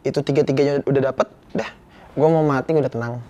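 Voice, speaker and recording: A man's voice: mid-range voice, fairly even intonation, quick pace, warm tone, highs cut off. Young man, candid and slangy. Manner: candid, slangy, earnest storytelling. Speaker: guest actor. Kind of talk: casual interview chat.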